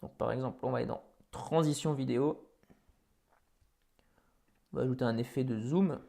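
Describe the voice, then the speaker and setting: A man hosting a software tutorial, talking casually over a screen recording with many fillers and restarts. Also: mid-range voice, moderate pace, gravelly. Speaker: tutorial host.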